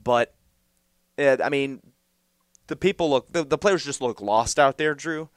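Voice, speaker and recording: Rambling young sports co-host. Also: male voice, medium pitch, unhurried, no room sound, studio quality. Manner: rambling, animated, with fillers and restarts. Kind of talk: college sports podcast chat.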